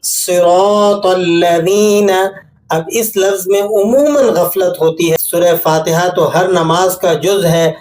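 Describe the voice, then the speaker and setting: A man teaching correct Quranic pronunciation in a patient, corrective way, demonstrating words slowly. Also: high voice, a little mellow, slight background noise. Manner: patient, corrective explaining, with slow demonstrated examples. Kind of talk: instructional tajweed lesson.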